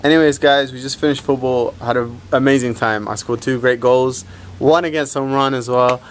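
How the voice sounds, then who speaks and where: A man's voice: medium pitch, steady tone, moderate pace. A man in his twenties chatting casually to camera as a playful vlogger, often repeating words for emphasis, recorded at arm's length. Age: 20s. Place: car interior, outdoors and small rooms. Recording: clear background noise, car and handheld camera.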